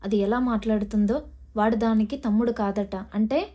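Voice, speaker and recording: A woman voicing a stern young mother who is quick to anger in a storybook. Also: fairly high pitch, warm tone, lightly acted. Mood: angry.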